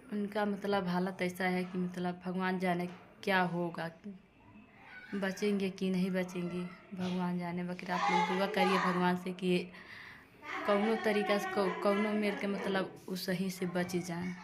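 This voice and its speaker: Woman vlogger, level monotone delivery, noisy background. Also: fairly low pitch, unhurried. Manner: pleading, repetitive, addresses viewers as friends. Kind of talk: casual direct-to-camera vlog talk. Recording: noisy ambience behind.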